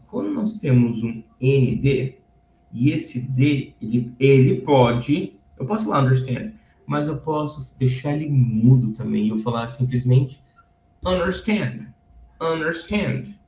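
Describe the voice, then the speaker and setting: A man teaches English from Bible stories, speaking slowly and repeating each word patiently for practice. He sits some way from the mic, so his voice comes through roomy and a little dull. A faint hum runs behind him. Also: mid-range voice, animated, mellow. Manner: patient, slow drilling, repeating words for practice. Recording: dull, roomy recording from a distance.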